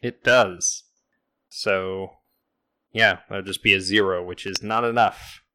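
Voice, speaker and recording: A man's voice: sits low, fairly even intonation, takes it slowly, sharp tone, dry recording. A man narrating as game master in a tabletop role-playing game, laid-back and conversational.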